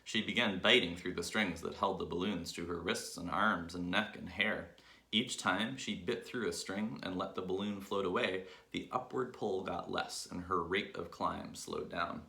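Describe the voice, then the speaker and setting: Man reading a children's book, deep, gravelly, echoey room. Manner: expressive, lively storytelling. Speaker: reader.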